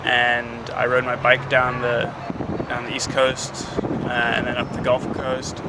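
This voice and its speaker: Flat-voiced young man explaining wetlands. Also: medium pitch, slow, heavy background noise. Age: 20s. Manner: casual, explaining with fillers. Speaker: wetlands nursery volunteer.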